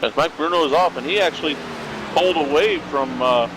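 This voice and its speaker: A man's voice: on the high side, brisk. A man co-commentating an online race, making brief, matter-of-fact calls on positions and penalties. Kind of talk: casual sim-racing commentary. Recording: clear background noise.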